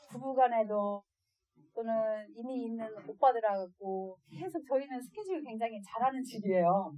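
A woman with a somewhat high voice speaks to a room of parents as an adoptive mother. She tells stories from home in a lively way and laughs often. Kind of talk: storytelling lecture to parents.

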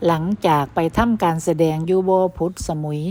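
A woman's voice: on the low side, fairly quick, dark tone. A woman narrating a travel vlog voice-over, chatty and friendly toward her viewers. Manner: chatty, addresses viewers as "brothers and sisters".

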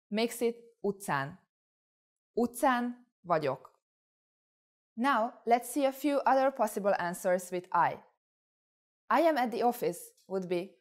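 Young woman teaching a clear language lesson. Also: medium pitch. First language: Hungarian. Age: young adult. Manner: clear, carefully enunciated teaching delivery.

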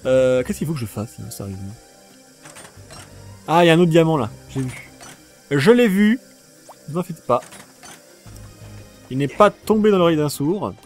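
A man giving casual, jokey commentary on a video game while playing, shouting during fights. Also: a little high, animated, normal speed, pauses often, husky, soft background music. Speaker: let's play gamer.

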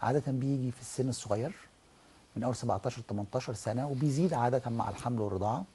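A man's voice: medium pitch, rapid-fire, mellow, slight background noise. A middle-aged man with an Egyptian Arabic accent, an ear, nose and throat professor who explains as a guest on a television health talk and acts out examples. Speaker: ENT professor and guest doctor.

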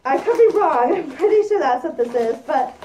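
A woman's voice: high voice, lively intonation, normal speed, warm tone, reverberant, far from the mic, a little hiss or hum, rough recording. A woman chatting casually as she unboxes gifts while speaking through a costume head. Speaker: vlogger.

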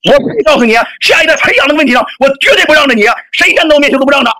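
A man with an extremely high, piercing voice who talks at a breakneck rush, shouting and close to tears. He sounds agitated and keeps repeating himself in a heated argument. His voice is bright and tense, recorded dry and close. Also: expressive, racing, no room sound. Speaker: livestream debater.

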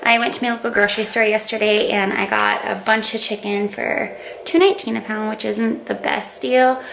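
The recording is low quality, and the woman speaks at medium pitch with vocal fry. She's a vlogger in her twenties meal-prepping in her home kitchen, casually explaining each step with many fillers, shot on a handheld camera that moves between close selfie framing and distance, with loud kitchen noise throughout.

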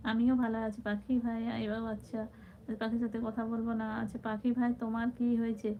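A chatty woman hosts a live stream, greeting viewers warmly as brother and sister while she reads their comments. Her voice sits a little high and comes through a thin, phone-like channel. A faint hiss runs underneath. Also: little pitch movement, fast. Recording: tinny phone-like sound with faint background noise.

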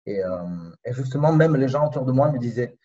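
A man with a slight Spanish accent, a native Spanish speaker, talking as a guest in a casual conversation, reflective and pausing to find his words. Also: mid-range voice, dark tone, recorded from a distance, highs cut off. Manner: reflective, searching for words, many pauses.

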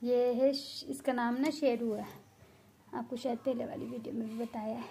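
Woman, cat owner, casual vlog chat, coaxing, raspy fry in the voice, slight hiss behind. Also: a little high, steady tone, moderate pace, dark tone. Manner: coaxing, calls pets by name. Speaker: cat owner and channel host. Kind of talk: casual pet vlog commentary.

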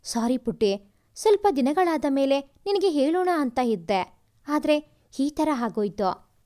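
A woman voicing a heartbroken young man who softly tells his sister about losing the woman he loves. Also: high voice, expressive, unhurried. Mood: sad.

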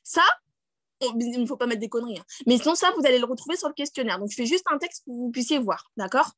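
Animated and fast, a woman with a fairly high pitch and fairly bright tone leads a video-call screen-share tutorial in a dry recording. A network marketing team leader, she talks chattily with many fillers and restarts, checking in with "d'accord?" and laughing at her own English.

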